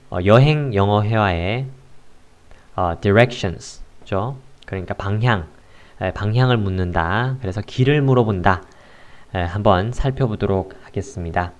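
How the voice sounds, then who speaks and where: Guy teaching english phrases, relaxed, lots of uh and um. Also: fairly low pitch. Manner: unhurried, with frequent filler sounds. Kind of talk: casual explanatory lesson.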